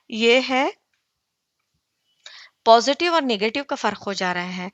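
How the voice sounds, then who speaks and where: A woman teaching Quran recitation in an online lesson. She talks patiently, asks her class questions and answers them herself, and draws out recited words very slowly. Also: mid-range voice, fairly bright tone, no room sound, lo-fi sound.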